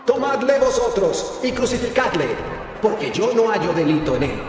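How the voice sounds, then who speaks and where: A stern Roman governor, as a male reader puts him on in a dramatized scripture reading. He asks his questions slowly, raised and emphatic, with a lively rise and fall. The voice rings through a long-reverb hall over clear background music. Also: high voice, pitched above the performer's own voice. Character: stern Roman governor Pilate, middle-aged man.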